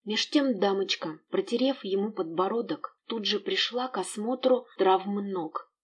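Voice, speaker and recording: A woman narrating an audiobook in an expressive storytelling manner. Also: medium pitch, normal speed, husky.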